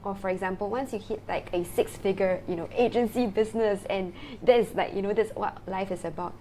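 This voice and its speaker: A woman's voice: medium pitch, steady tone, brisk, dark tone, a little hiss or hum, low-quality recording. A woman from Singapore, a founder talking as a guest in a casual interview, chatty and full of fillers and tag questions.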